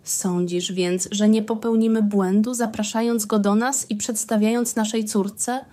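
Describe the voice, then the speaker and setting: A woman's voice: medium pitch, fairly even intonation, dark tone, natural voice. Woman reading as an uneasy old count. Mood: cautious. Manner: cautious, measured, hesitant. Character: anxious ailing elderly nobleman count.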